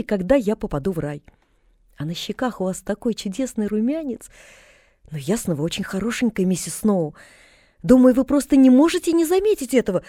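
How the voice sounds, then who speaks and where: A cheerful, chatty young girl, put on by a woman reading a storybook, gushing with bright excitement. Her voice is pitched high over a mellow, warm timbre. The sound is dry and close. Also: no room sound. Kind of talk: audiobook character reading.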